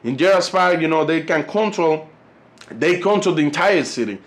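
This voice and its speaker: His higher voice has lively intonation and moves at normal speed as this Colombian YouTube channel host, in his twenties, delivers rambling vlog commentary. Spanish is his first language and his accent Colombian, and he keeps dropping fillers like "you know" and "fellas."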